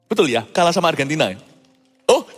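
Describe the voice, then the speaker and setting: Middle-aged man, lively joking pastor voice, faint music under a reverberant church hall. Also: on the high side, fast, slightly rough. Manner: animated, joking and folksy. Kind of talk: sermon.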